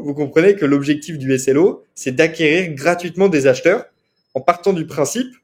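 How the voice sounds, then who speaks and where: A man giving an online marketing course lecture in French. He explains step by step, often stops to check with "ok?", and corrects himself as he goes. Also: a little high. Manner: explanatory, repeats key terms, frequent "ok?" checks; fillers and self-corrections. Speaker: marketing trainer.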